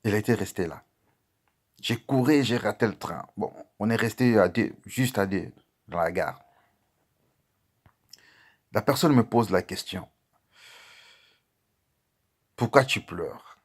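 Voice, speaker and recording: A man preaching as a pastor, telling a testimony to his listeners and calling them beloved, with sudden loud outbursts and quiet asides. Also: lowish voice, unhurried, long pauses. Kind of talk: sermon testimony.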